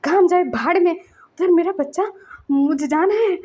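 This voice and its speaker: A woman's voice: high voice, animated, normal speed, dark tone. A woman voicing a frantic young father who stammers in panic over his hurt child. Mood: panicked.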